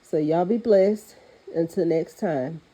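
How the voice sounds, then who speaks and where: A woman's voice: fairly low pitch, slow, warm tone, low-quality recording. A woman with a congested, nasal voice, as if her nose were pinched, giving earnest, off-the-cuff spiritual advice as a host. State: congested from recent illness. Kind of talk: spiritual pep talk, speaking off the cuff.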